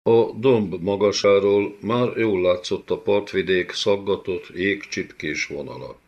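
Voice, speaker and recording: A man narrating a fantasy novel in a measured, descriptive style, in a dull lo-fi audiobook recording. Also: low-pitched, darkish tone.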